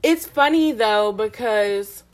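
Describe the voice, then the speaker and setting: A young woman from Georgia with a Southern American accent, co-hosting a podcast in a relaxed, thoughtful chat. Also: on the high side, takes it slowly. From Georgia, USA. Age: young adult. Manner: relaxed, thoughtful, many fillers. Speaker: podcast co-host. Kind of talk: casual chat.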